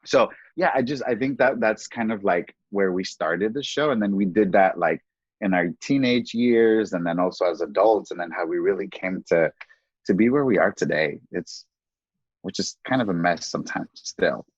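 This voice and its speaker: A man around thirty with a husky, somewhat low voice chats in a campy, loose podcast style, full of "like." The recording is dry and dull, with a dead, lo-fi sound. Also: normal speed, no echo. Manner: campy, chatty, heavy use of "like". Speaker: podcast co-speaker. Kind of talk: casual podcast chat.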